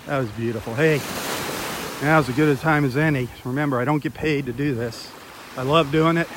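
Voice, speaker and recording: A man in a mid-range voice speaks fairly quickly while live-streaming a walk on the beach, chatting eagerly with his viewers through the phone in his hand. The outdoor noise of wind and surf is loud.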